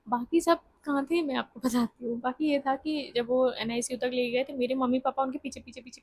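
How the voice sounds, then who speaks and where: Woman, young adult, high-pitched, candid storytelling, frequent laughs, dry sound. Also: dry recording. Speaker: vlogger. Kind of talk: personal storytelling.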